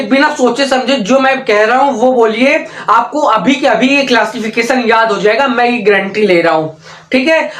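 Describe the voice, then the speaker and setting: A man teaching pharmacy students, drilling terms slowly with constant "okay?" check-ins and call-and-response repetition. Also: very high-pitched, a bit bright. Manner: slow, drawn-out repetition of terms, frequent "ठीक है?" check-ins. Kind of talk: exam-prep lesson with call-and-response drilling. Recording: echoey room.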